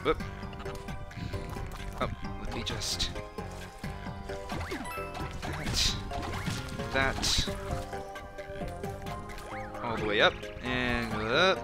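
A man's voice: medium pitch, extremely slow, pauses often. A man giving casual let's-play commentary as he plays, chatty and rambling, with lots of fillers. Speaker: gameplay commentator. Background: video game music.

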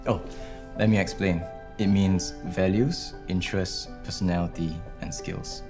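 A low male voice plays a calm, helpful career coach. He explains things in a reassuring way, in naturalistic drama style. Music is clearly heard underneath. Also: measured pace. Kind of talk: naturalistic screen drama acting.

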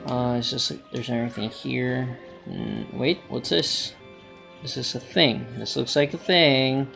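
A man narrating his own gameplay in loose, halting let's play commentary, often trailing off and circling back. His voice has a gravelly, fry-tinged texture. Faint music runs underneath. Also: mid-range voice, very animated, fairly bright tone. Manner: rambling, hesitant, self-talking. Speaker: gaming channel host.

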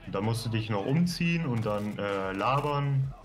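A man's voice: on the low side, animated, brisk, darkish tone. A man chatting casually as he comments on a video game, muttering short slangy reactions. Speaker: let's play commentator. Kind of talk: casual gaming chat. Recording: game audio playing behind. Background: video game music and sound.

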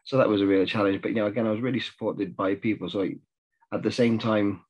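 Speaking fast with a low, somewhat mellow voice and a breathy edge, this middle-aged therapist from South Africa keeps a steady tone. He hesitates often and leans on fillers during a reflective group talk on a video call in his home room, where the webcam audio comes out dull.

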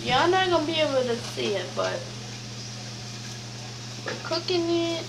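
A woman's voice: high-pitched, big pitch swings, unhurried, gravelly. A young woman making a casual cooking vlog in a small kitchen, chatty and talking straight to her viewers through a camera on the counter. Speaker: vlogger. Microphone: camera set on the counter. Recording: sizzling kitchen noise behind.

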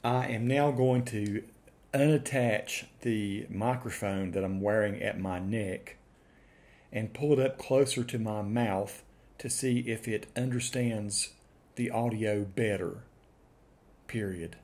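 A middle-aged man with an Appalachian accent, talking casually and deliberately as he demonstrates software. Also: fairly low pitch. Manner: deliberate, spelling out punctuation while dictating. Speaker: software reviewer. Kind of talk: dictation test with casual commentary. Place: room at home, indoors.

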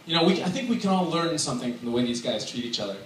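Very fast and expressive, this man in his thirties has a mid-range voice as he rattles through a humorous best man's toast, laughing between lines. He holds a mic through speakers in a big indoor wedding tent with a dance floor, captured from far off. Echo and loud crowd noise dominate, with wedding guests laughing and cheering.

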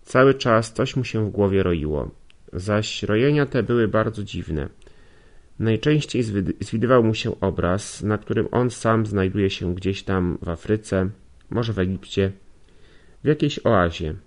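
Low-voiced male audiobook reader. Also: measured pace. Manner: steady reading with occasional slips and self-corrections. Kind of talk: audiobook narration.

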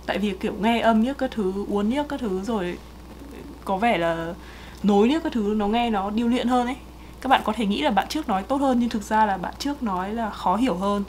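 A woman's voice: medium pitch, a little fast, a little mellow, slight background noise. A woman, co-hosting and giving casual, chatty feedback on pronunciation. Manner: chatty, explains at length. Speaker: co-host correcting pronunciation.

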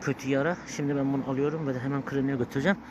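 A man's voice: mid-range voice, steady tone, racing. A man vlogging outdoors as he feeds street animals, calling them over in a raised sing-song voice and scolding them playfully. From Turkey. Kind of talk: casual vlog commentary. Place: outdoors around his workshop. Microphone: handheld camera. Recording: noisy outdoor recording.

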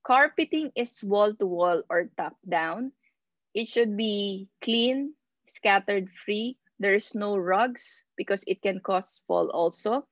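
A nursing assistant course instructor lectures by reading points from her slides and then explaining them. She speaks at medium pitch in a slow, halting way, pausing mid-phrase. The video call audio is dull and lo-fi, with very little room echo.

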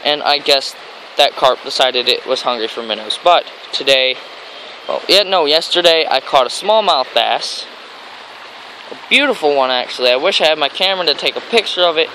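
On a grassy riverbank, an American fishing vlogger narrates casually and enthusiastically, wandering from point to point. He speaks at normal speed with a fairly high, pushed, bright voice, and the rough handheld camera audio includes stream and traffic noise.

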